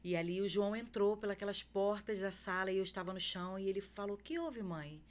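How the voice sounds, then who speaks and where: A woman's voice: medium pitch, level tone, fairly quick. A woman with a Brazilian Portuguese accent, a podcast guest telling an emotional faith testimony with fervent feeling.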